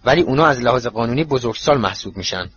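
A man voicing a weary, mild-mannered middle-aged father in a storybook reading, speaking in a tired, measured way. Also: a little high, big pitch swings, faint music behind. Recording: dull lo-fi recording.

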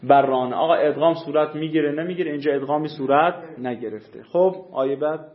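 A male teacher giving a classroom lecture on recitation rules, explaining patiently and quizzing his students. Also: on the high side. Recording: echoey room, dull lo-fi sound.

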